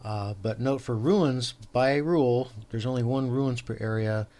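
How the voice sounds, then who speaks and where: A man hosting a tabletop game session, patiently explaining the rules to his opponent in a halting, rambling way full of fillers and restarts. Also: medium pitch, warm tone. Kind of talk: casual tabletop game chat.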